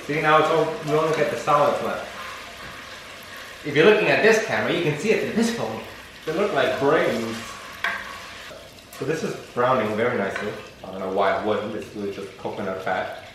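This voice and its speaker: A man hosting a casual, rambling home recipe video, talking playfully with dry, self-deprecating asides. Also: mid-range voice. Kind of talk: casual, rambling cooking demonstration. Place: indoors at a stove, echoey room. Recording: echoey, distant mic with faint noise.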